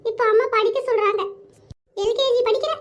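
A whiny kindergarten boy, squeaky and quick. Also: fairly even intonation, lo-fi sound. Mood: grumbling. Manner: complaining, self-pitying grumbles. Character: whiny little boy in kindergarten, cheeky and sulky. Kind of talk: cartoon family comedy.

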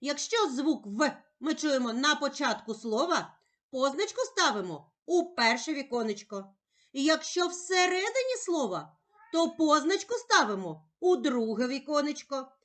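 Woman, high voice, very slow, sing-song, careful, teaching young children to read. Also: big pitch swings, fairly bright tone. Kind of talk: slow, clearly articulated children's reading lesson.

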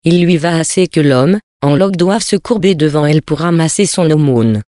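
A narrator reading a literary tale with measured, poetic phrasing. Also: mid-range voice, mellow, no echo, clean studio sound.

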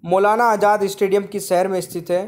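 A man's voice: high-pitched, flat delivery, brisk, darkish tone. A man teaching a general-knowledge quiz in a voice-over, reading each question twice and then giving the right answer. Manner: repeats each question, addresses viewers as friends. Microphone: voice-over on screen slides.

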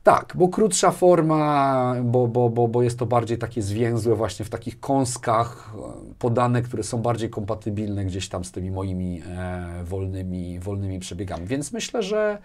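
A middle-aged man speaks casually as an interview guest, his voice fairly low and a little slow, often repeating words while he thinks and gesturing animatedly. He's on a lapel mic in a small, furnished indoor studio.

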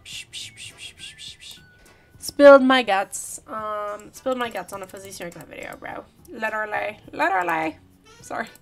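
A young woman doing playful comedic commentary over a video game, breaking into loud shouts. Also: fairly high pitch. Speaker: YouTuber. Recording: light background music.

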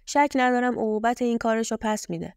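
Female narrator voicing a gentle, fair-minded woman in a storybook, soft and dry close sound. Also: fairly high pitch, no room sound, close to an everyday voice. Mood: sympathetic. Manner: soft, sympathetic.

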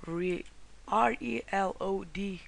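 A man from Croatia hosts a screen-recorded how-to walkthrough, rambling, often correcting himself and apologizing. His voice sits high and is slow, gravelly, and a bit bright, with a little hiss or hum in the recording.

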